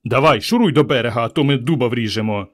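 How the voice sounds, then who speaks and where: A man's voice: mid-range voice, quick pace, natural voice. A man voicing a gloomy, grumbling young man in a storybook reading. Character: grumpy, fussy young man.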